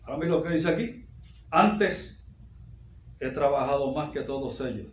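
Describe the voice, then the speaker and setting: A man preaching a sermon as pastor, repeating phrases and rising to sudden loud peaks. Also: medium pitch, lively intonation, moderate pace, a little hiss or hum. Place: church sanctuary. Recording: echoey dull church recording.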